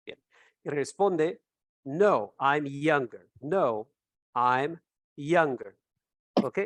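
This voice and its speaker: Man, English teacher, video call, patient, repeats words, slightly high voice, dry sound. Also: dry recording. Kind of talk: online class explanation. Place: online class by video call.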